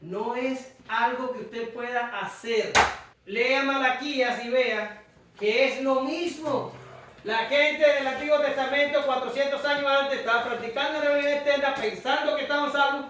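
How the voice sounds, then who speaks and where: A Cuban man with a Cuban Spanish accent preaches an emphatic sermon, often raising his voice to a shout. His voice sits very high for a man. He sounds distant from the mic in a strongly echoing church hall. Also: fairly even intonation, measured pace, slight background noise. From Cuba. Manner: emphatic, shouting at times, addresses the congregation directly. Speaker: pastor.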